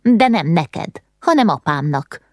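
Woman doing a haughty young boy, indignant, proud, slow emphatic delivery, audiobook. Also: fairly low pitch, sing-song, darkish tone, no echo, clean studio sound.

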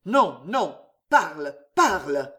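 A man's voice: a little high, big pitch swings, takes it slowly, a bit bright, heavily acted. A man voicing an anguished young nobleman who commands his brother to tell the truth, in a storybook reading. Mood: desperate. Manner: commanding, tormented.

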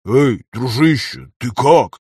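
A man voicing a caring male gladiator friend in an audiobook, gentle and reassuring, with a husky voice. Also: medium pitch, slow, no room sound, studio quality, exaggerated voice. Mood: concerned. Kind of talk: audiobook character voice.

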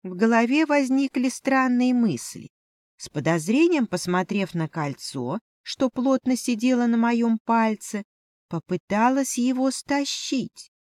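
A woman narrates a first-person fantasy audiobook in a measured, storytelling voice. Her delivery is slow, and her pitch moves a lot. The recording is close and dry. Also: lively intonation, a little mellow, no room sound. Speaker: audiobook reader.

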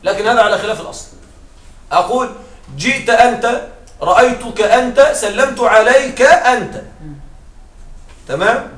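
A man teaching an Arabic grammar class. He keeps checking in with his students with short questions and slowly spells out his example phrases. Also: extremely high pitch, a bit bright. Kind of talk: classroom lecture. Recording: echoey room with faint noise.

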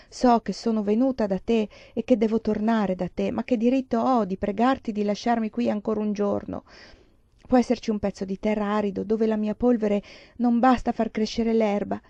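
A woman voicing a proud dying woman full of bitter irony, read in a measured, solemn way. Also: mid-range voice, steady tone, dark tone, no echo, lo-fi sound, close to an everyday voice. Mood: pleading.

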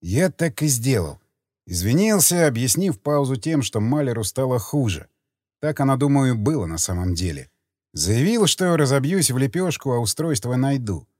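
A man narrating a thriller audiobook in the first person, with expressive, tense storytelling. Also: mid-range voice, normal speed, no room sound, clean studio sound.

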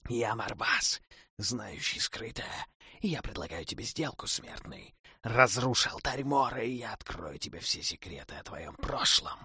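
A man voicing a scheming male demon spirit in a raspy demonic whisper, for an audiobook. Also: mid-range voice, big pitch swings, a little slow, bright, forceful tone, no room sound, studio quality, heavily acted. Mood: tempting.

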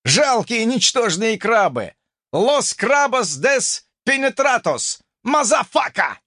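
A man's voice: extremely high pitch, sing-song, slow pace, bright, forceful tone, no room sound, studio quality, pitched above the performer's own voice, exaggerated voice. A man reading an audiobook voices a cocky young male hero who hurls mocking taunts. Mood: taunting.

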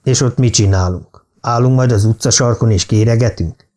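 A man's voice: medium pitch, mellow, close to an everyday voice. A man voicing a doubtful, wounded middle-aged businessman who keeps questioning, in an audiobook. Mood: skeptical.

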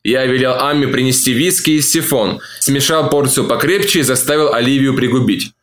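A man reading a novel aloud as an audiobook, narrating in the first person at a measured, calm pace. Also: mid-range voice.

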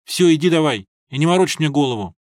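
A man voicing a gruff, drunken middle-aged male supervisor who talks bluntly and scornfully, in an audiobook. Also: on the high side, lively intonation, quick pace, darkish tone, no echo, clean studio sound, natural voice.

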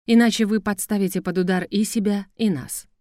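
A woman's voice: mid-range voice, fairly even intonation, a little fast, a little mellow, no room sound, studio quality, close to an everyday voice. A woman voicing a heated, insistent male steward in an audiobook. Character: anxious, insistent male slave manager.

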